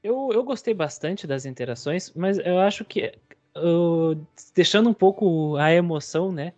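A young man with a Brazilian Portuguese accent speaks in a dry, measured, analytical way. Faint music plays quietly behind him. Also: high voice, lively intonation. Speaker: podcast co-host. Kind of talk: casual chat.

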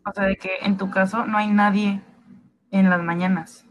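A woman's voice: medium pitch, little pitch movement, moderate pace, soft background music. A young woman with a Mexican Spanish accent from Mexicali, playful and rambling in a casual podcast chat. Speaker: podcast co-host.

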